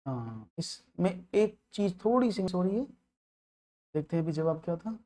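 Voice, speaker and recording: A man's voice: high-pitched, big pitch swings, normal speed, warm tone. Man teaching maths step by step. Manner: explains step by step and keeps checking in with listeners; mixes English phrases into his speech. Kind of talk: online exam-prep lecture.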